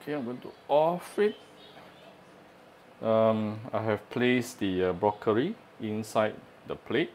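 This man's voice is lowish and darkish, slow-paced, and the recording has a little hiss or hum. Hosting a casual cooking channel from his home kitchen stove, he talks and explains as he cooks, often saying "uh."

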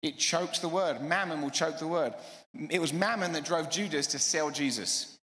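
A middle-aged man preaches with emphatic, rapid-fire energy, stacking repeated phrases. His voice sits a touch high. It rings through a roomy church hall with a long tail of reverb. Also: a bit bright. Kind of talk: sermon.

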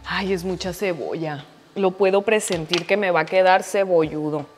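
A woman's voice: on the low side, moderate pace, big-room sound, soft background music. A woman with a Mexican accent chatting casually while she cooks in her home kitchen, self-mocking and swearing freely, filmed on a phone. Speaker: cooking vlogger. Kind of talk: casual cooking vlog chat. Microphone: phone camera.

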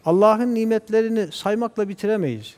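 A man speaking as a guest scholar on a religious TV program, talking in a measured, preacher-like way and reciting Arabic verses. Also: sits high, darkish tone, long reverb tail. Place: TV studio.

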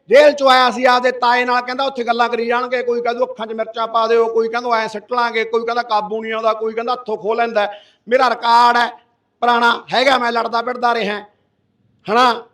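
A middle-aged man with a Punjabi accent, an activist giving a fiery, impassioned speech at a village protest sit-in. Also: very high-pitched. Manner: impassioned, forceful, roaring. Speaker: activist addressing a protest gathering. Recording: voice from far off the mic.

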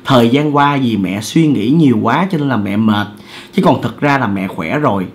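A man voicing a frail elderly mother who calmly reassures her children that she has recovered, in a soft, slow, gentle way. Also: mid-range voice, close to an everyday voice. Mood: reassuring.

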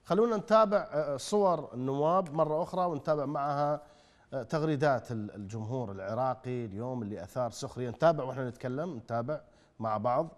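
A man's voice: mid-range voice, quick pace, long reverb tail. A male talk show host with an Iraqi accent, taking calls and reading out tweets with frequent filler hesitations. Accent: Iraqi Arabic. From Iraq.

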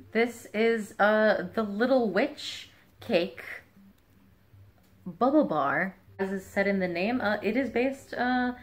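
A young woman chatting casually and excitably to camera in a living room, like an unboxing vlogger. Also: mid-range voice. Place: living room, indoors on a couch.

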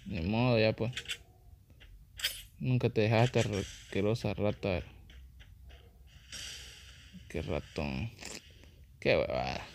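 A man's voice: on the low side, lively intonation, takes it slowly, long pauses, background noise. A man giving casual gameplay commentary as a gaming YouTuber, taunting opponents and repeating his phrases.

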